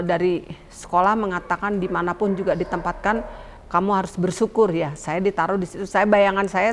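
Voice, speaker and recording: A woman pastor telling her personal testimony in a lively storytelling way, addressing listeners directly and acting out quotes. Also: lowish voice, in a large hall, a little hiss or hum.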